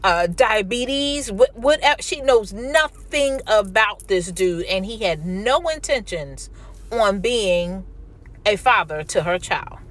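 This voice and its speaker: A woman's voice: medium pitch, lively intonation, slow pace, a bit bright. A woman with an American accent chatting casually and candidly, telling personal stories and giving emphatic relationship advice straight to her listeners. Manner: conversational, emphatic, addressing listeners directly.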